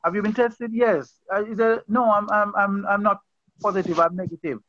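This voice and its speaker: A man with a high, steady, slightly bright voice leads a Bible study over a video call at a normal pace. He preaches in an earnest, conversational way, often repeating and restarting phrases, giving an informal sermon. The recording is dry and muffled.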